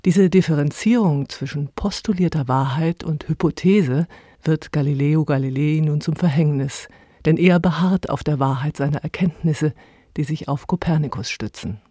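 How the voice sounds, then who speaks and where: A woman reporter reading a scripted radio feature in a measured, even way. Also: deep voice, husky, dry recording, clean studio sound.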